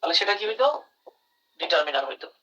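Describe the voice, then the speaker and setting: A man's voice: sits high, very animated, brisk, bright, forceful tone, distant mic, muffled recording. A man teaching English grammar in a live online class, calling on students by name and praising their answers.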